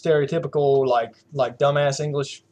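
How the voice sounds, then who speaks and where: Here a young Southern-accented man hosts a podcast at a moderate pace, his mid-range voice steady and dark in tone. He keeps it casual, rambling with lots of fillers and laughing frequently.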